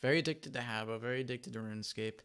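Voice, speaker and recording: A young man co-hosting a podcast, talking in an animated, emphatic way and repeating himself as he gets going. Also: mid-range voice, quick pace, smooth. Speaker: podcast co-host. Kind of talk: casual chat.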